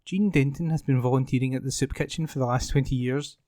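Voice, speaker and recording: A man reading newspaper articles aloud as a volunteer, in a clear, formal delivery. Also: mid-range voice, fairly even intonation, fast talker, warm tone, dry recording, studio quality.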